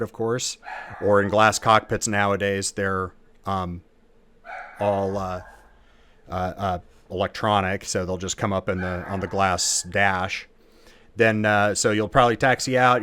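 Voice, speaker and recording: This is a man with a low-leaning voice and a sharp tone, hosting and teaching an aviation lesson. His approach is informal and conversational, breaking things down step by step with technical language.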